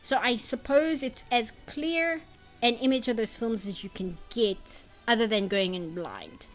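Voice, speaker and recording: A woman's voice: on the high side, expressive, a little slow. A woman streamer in casual chat who rambles and reads out chat comments. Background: faint background music.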